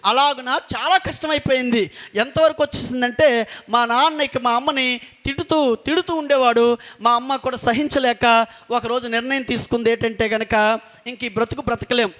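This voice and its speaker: A man's voice: extremely high pitch, steady tone, moderate pace, a bit bright. A man, a preacher telling his family's testimony in an earnest way and driving points home by repeating them. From coastal Andhra Pradesh, India. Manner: earnest storytelling with emphatic repetition. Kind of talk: sermon testimony.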